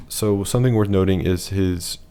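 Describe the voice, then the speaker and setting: Male presenter with a deep, hoarse voice, for a plain analytical voice-over. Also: moderate pace, dark tone. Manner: matter-of-fact, rating things one by one. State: losing his voice.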